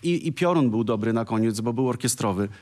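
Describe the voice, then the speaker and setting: A man's voice: medium pitch, animated, a little fast, darkish tone. A man music critic on a radio panel in a studio, talking in an enthusiastic, expansive way with frequent exclamations.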